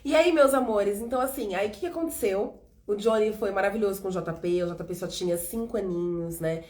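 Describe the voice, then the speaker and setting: A woman's voice: medium pitch, fairly quick. A woman in her thirties from São Paulo with a Brazilian accent, hosting a casual faith testimony chat and acting out the dialogue as she tells it. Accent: São Paulo Brazilian Portuguese. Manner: animated storytelling, acting out dialogue. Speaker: host.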